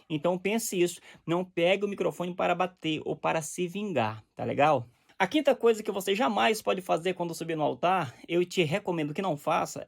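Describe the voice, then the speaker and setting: A man's voice: high voice, vocal fry. A man preaching in a direct, exhorting teaching style, often checking that the listener understands. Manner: direct, exhorting, often asks "você tá entendendo?".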